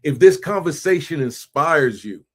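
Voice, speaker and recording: A man hosting a podcast, energetic and hype, sprinkling in Spanish phrases and frequent "right?". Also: fairly high pitch, a little slow, slightly rough. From New York City. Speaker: podcast host. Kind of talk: animated podcast intro and interview.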